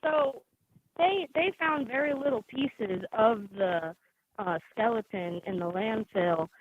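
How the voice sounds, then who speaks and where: A woman's voice: a little high, takes it slowly, slight background noise. A woman calling in to a live stream, talking casually and hesitantly with many ums and restarts, heard over muffled call-in phone audio that breaks up. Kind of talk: casual chat. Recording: tinny, muffled phone line.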